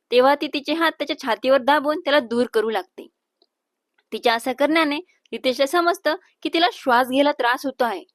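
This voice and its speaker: A woman storyteller narrating a romantic serial story in a steady, even way. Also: high-pitched, dry recording, studio quality.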